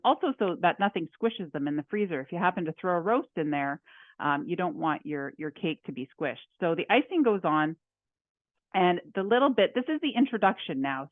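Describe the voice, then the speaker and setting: A woman home economist walks viewers through a recipe in a relaxed, chatty way, narrating each step as she goes. Her voice comes through thin and phone-like. The sound is dry, with no room around it. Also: lowish voice, no room sound. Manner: chatty, laughs often, talks through her steps. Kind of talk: cooking demonstration. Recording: dry tinny phone-like audio.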